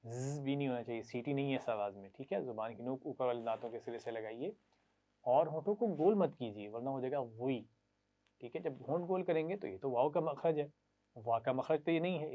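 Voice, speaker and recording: A man's voice: medium pitch, warm tone. Patient man teaching children to recite. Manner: patient, slow, drills sounds for children to repeat. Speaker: Quran reading teacher. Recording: tinny phone-like lo-fi audio.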